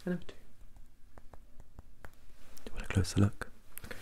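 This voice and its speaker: A man doing a whispered role-play as an ASMR performer, repeating instructions and questions as he shifts between whisper and soft low voice. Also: brisk, a little hiss or hum. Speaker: ASMR performer giving mock eye tests.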